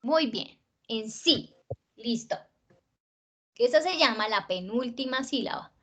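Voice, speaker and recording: A woman teacher with a Colombian accent giving an online spelling lesson, slowing down to stress words and often checking in with her listeners. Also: fairly high pitch, animated, a bit bright. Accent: Colombian Spanish.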